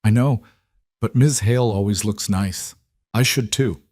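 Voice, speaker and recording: A man's voice: fairly low pitch, a little slow, darkish tone. A man voicing an eager, chatty young girl in a storybook reading. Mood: earnest.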